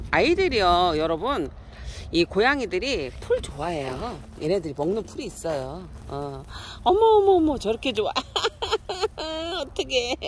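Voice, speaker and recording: A woman talks to her cats in a lively, sing-song voice that swings high when she coos at them and drops low when she explains things to viewers. She is recording outdoors on a hillside on a phone camera. Faint background noise sits under her voice. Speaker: cat owner filming her pets. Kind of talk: casual outdoor vlog narration. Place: outdoors on a hillside garden near a road.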